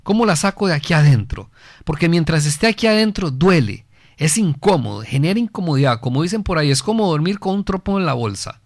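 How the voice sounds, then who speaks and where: This slightly high, animated male voice moves at a brisk clip over a dry, clean studio recording. He is a Costa Rican host of a family guidance show, lecturing earnestly on parenting in Costa Rican Spanish, posing rhetorical questions he answers himself and repeating phrases to drive points home.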